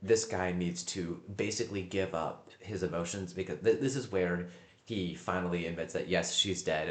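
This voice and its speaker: A man livestreaming casual, rambling commentary, halting and often repeating himself as he searches for words. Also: sits low. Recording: echoey room.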